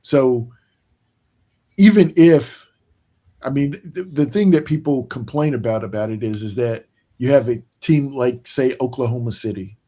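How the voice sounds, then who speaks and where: A mellow, mid-range male voice belongs to a podcast host running an easygoing sports discussion. He yawns and sounds worn out, rambling with many restarts and fillers while slowly emphasizing each point.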